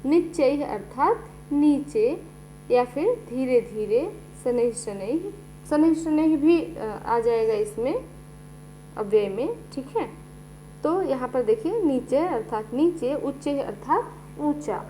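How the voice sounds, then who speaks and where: With a high-pitched yet dark-toned voice, a woman teacher speaks slowly and animatedly through a classroom lesson, one step at a time. She frequently says "ठीक है," and the poor audio has a faint mains hum.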